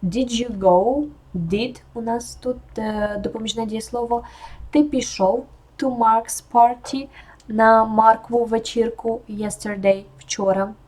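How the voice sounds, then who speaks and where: Mellow-voiced woman teaching English grammar. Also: fairly high pitch. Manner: calm explanatory tone, modelling English examples slowly. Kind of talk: explaining English grammar in Ukrainian.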